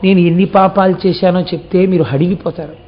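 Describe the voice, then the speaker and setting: A man's voice: sits high, fairly even intonation, brisk, close to an everyday voice. A man voicing a grieving male sinner who pleads for grace in a sermon story. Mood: pleading. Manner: pleading, distressed. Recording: dull lo-fi recording.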